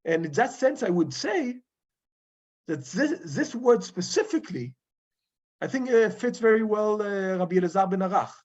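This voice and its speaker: A man teaching a Torah class as a rabbi in an informal lecture, halting and searching for his words. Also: high voice, lively intonation, darkish tone. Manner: halting, searching for English words with frequent pauses. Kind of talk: informal study-group lecture. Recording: dull lo-fi recording.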